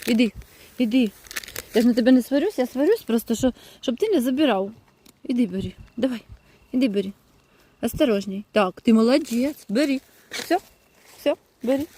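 Woman, with mixed in, higher register, soothing baby talk to animals, recorded outdoors. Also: animated, moderate pace, warm tone. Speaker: vlogger feeding stray dogs. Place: outdoors by a roadside dump. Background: faint outdoor ambience, dogs and crows.

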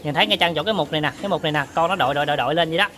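High, bright-voiced farmer. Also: male voice, rapid-fire, a little hiss or hum. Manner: chatty, addresses viewers often. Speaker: pig farmer vlogger. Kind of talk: casual on-farm demonstration. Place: pig barn.

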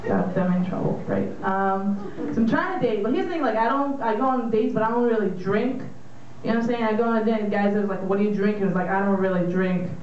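A woman's voice: medium pitch, fast. A young woman from Israel with an Israeli accent, doing a stand-up comedy set with brash, teasing crowd work on a small bar stage. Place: small dim bar or club stage, indoors. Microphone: handheld mic, filmed by a far camera. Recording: echoey room filmed from far, dull lo-fi sound, noisy.

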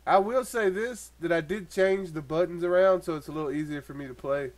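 A young man chatting crudely with a friend while playing a video game, laughing often and yelping now and then. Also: a little high. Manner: loud, laughing, crude, with sudden yelps. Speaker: gaming channel host. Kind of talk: casual gaming chat with a friend.

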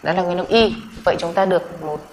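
A woman's voice: lowish voice, fast talker, a little hiss or hum, rough recording. A woman teaching a Korean vowel lesson in Vietnamese, patiently repeating each sound and asking the class questions she answers herself.

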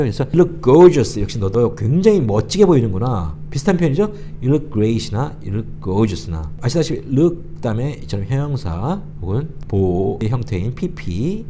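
A man runs an explanatory language lesson, his low, mellow voice rising and falling a lot as he walks through each phrase. He is patient and repeats lines so learners can copy them. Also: slight background noise. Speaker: English tutor.

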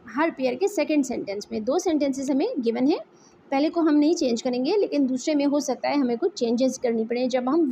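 A woman in her walks through a textbook exercise, reading each line slowly before explaining it. Her voice sits high but sounds soft and mellow. A faint hiss runs under the recording. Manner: reads English slowly, then explains in Hindi-Urdu. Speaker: English teacher.

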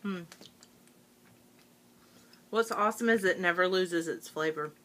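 A middle-aged woman talking straight to her viewers in a loose, rambling way. Her voice is bright and forceful, full of "um" and "like" as she goes. She sounds relaxed and homey, as if talking to friends. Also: fairly low pitch, brisk. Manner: rambling, many fillers, chatty. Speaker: vlogger. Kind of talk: casual chat to camera.

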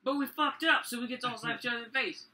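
A young man complaining and swearing loudly while joking with friends. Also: very high voice, fairly even intonation, very fast, rough recording. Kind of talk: casual chat among friends.

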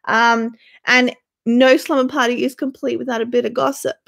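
This livestream host, a young Australian woman in her twenties, chats casually with viewers by name from her small bedroom while sounding stuffy from a sore throat. Her voice is a little high, gravelly and fairly bright, with little pitch movement and a normal speed.

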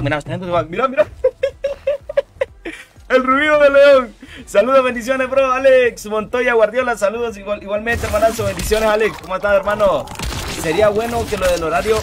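An excitable male streamer with a slightly high voice narrates his fighting-game matches in loose, slangy bursts. He calls out to his chat by name between rounds. Game music plays clearly behind him. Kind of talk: live gameplay commentary.

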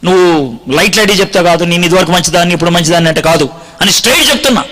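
A man preaching a storytelling sermon, acting out the dialogue and swinging between loud, excited lines and hushed, quiet ones. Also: high voice, rapid-fire, big-room sound.

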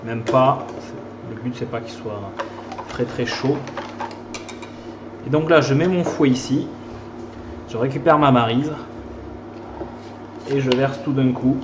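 A man with a Toulouse French accent gives a live pastry lesson, talking casually while he works. His voice sits at an ordinary pitch and bounces around an echoey kitchen. Steady background noise runs under the recording. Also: slow, pauses often, muffled recording. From southern France. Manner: chatty, talks while whisking and stirring. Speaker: pastry teacher.

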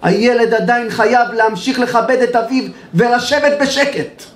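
A male rabbi preaching a sermon with passion, firing off rhetorical questions at his listeners. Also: very high voice. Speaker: rabbi giving a lecture. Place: evening lecture in a hall. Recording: echoey room sound.

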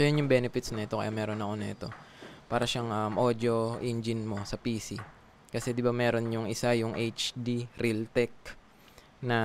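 A Filipino man and former call center agent chats with viewers from his home computer in a casual tutorial vlog, speaking with a Filipino accent. His voice is medium-pitched with a bit of hiss or hum in the recording, and he's chatty, full of fillers, and calls his audience "guys."

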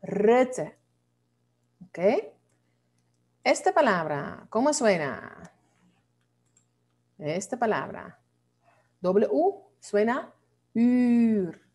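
A woman teaching an online lesson on Dutch pronunciation. She speaks in an unhurried, deliberate way, repeating each word slowly as a drill. Her manner is playful, and her voice sits at a medium pitch. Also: very animated, a little mellow.

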